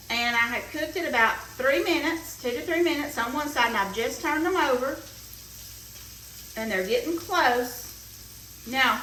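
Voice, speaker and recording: A woman's voice: fairly high pitch, bright, forceful tone. A woman hosting a casual cooking demonstration, chatting homily as she works at the stove. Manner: chatty, homey, talks while cooking. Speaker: cooking show host. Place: home kitchen. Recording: roomy kitchen, mic at a distance, sizzle noise. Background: frying and sizzling pan.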